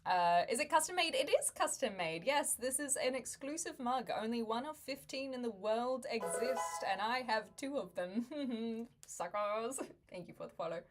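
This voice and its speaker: A woman's voice: on the high side, expressive, moderate pace, faint music behind. A woman, chatting casually with viewers on a livestream, laughing often and making wry asides. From New Zealand. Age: 20s.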